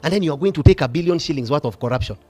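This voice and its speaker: High-voiced, fiery Kenyan preacher man. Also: expressive, racing, faint music behind. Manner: passionate, switching between whispers and shouting. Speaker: bishop. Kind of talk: fiery sermon.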